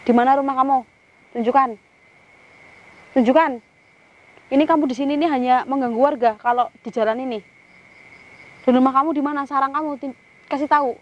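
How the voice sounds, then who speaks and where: A woman's voice: high voice, muffled recording. A woman vlogger hunting ghosts outdoors by a river. She directs her cameraman, recites Islamic prayers, and sternly orders a spirit to show itself and leave. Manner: some prayers muttered in a whisper. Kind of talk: paranormal summoning vlog.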